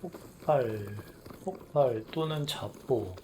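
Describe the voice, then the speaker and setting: A man streaming a game live, muttering asides that break into excited scolding at the screen. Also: medium pitch, racing. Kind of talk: live gameplay commentary. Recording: noticeable background noise.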